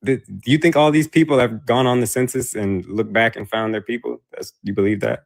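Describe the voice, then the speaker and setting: A man's voice: mid-range voice, fairly even intonation, brisk, gravelly. An American man debating casually as a caller, insistent and argumentative. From Huntsville, Alabama, USA.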